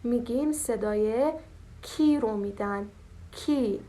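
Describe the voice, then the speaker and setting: A young woman teaching a language lesson, explaining step by step and slowly repeating drawn-out syllables for practice. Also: fairly high pitch.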